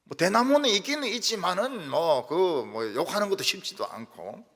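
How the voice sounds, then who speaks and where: An older male pastor delivers a sermon in a fairly high, very expressive voice that rises and falls constantly. He slips into playful dialect impressions as he tells his stories. His voice carries a long reverberant tail from the church hall. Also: normal speed. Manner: animated storytelling, acts out quarrels in regional dialects. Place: church sanctuary.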